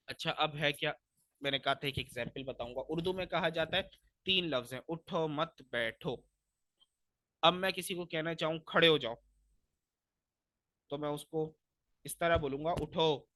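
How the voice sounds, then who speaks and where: A young man from Pakistan teaching Quran recitation in a fairly high, bright, forceful voice. He explains each rule patiently, step by step, then draws the recited words out slowly and loudly. The sound is close and dry, with no room echo.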